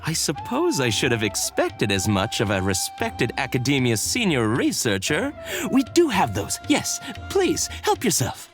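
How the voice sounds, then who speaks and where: A woman's voice: a bass voice, huge pitch swings, unhurried, over music, full character voice. A woman voicing a courteous but skeptical toy seller in a video game, with a doubtful, polite manner. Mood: polite, surprised. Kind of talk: video game character dialogue.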